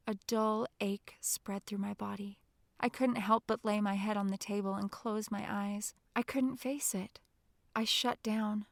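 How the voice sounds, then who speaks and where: A woman narrating an audiobook in the first person with a hushed, tense, intimate delivery. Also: mid-range voice, dry recording, studio quality.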